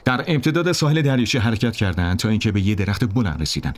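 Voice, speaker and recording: A man narrating a story aloud, in an expressive, dramatic reading style. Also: fairly low pitch.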